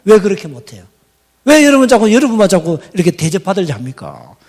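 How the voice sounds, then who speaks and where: Animated pastor. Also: male voice, sits high, quick pace, big-room sound. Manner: folksy, teasing, animated preaching. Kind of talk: sermon. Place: church hall.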